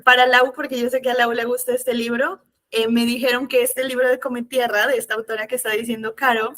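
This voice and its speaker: A woman's voice: a little high, flat delivery, brisk, a bit bright. A woman in a book club chat, eagerly jumping in with her own remarks. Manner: eager, interjecting.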